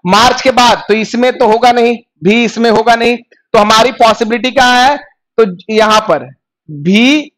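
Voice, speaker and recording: A man teaching an online exam-prep reasoning lesson, explaining step by step and reading the clues aloud slowly. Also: extremely high pitch, a bit bright. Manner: mixes Hindi with English words.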